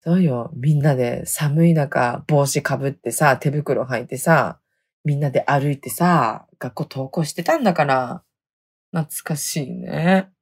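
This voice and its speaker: Husky-voiced chatty woman podcast host. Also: a bass voice, a little slow. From Hokkaido. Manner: chatty, laughs often, dialect sentence endings. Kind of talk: casual storytelling chat.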